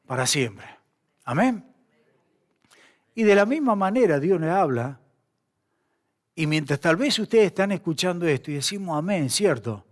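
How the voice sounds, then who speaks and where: A man with a notably high voice preaches in a church, pleading with his listeners. He slows down sharply to press home his key words. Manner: impassioned, pleading, slows for emphasis; retells a story with quoted dialogue. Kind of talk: sermon.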